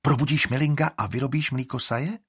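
A man's voice: medium pitch, a bit bright, slightly rough, no room sound, studio quality, pitched above the performer's own voice. A man voicing a stern, threatening old village herb woman in an audiobook.

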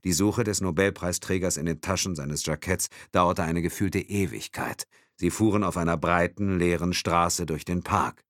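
A man narrating a thriller audiobook in a dramatic, expressive reading. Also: low-pitched, normal speed, no room sound, clean studio sound.

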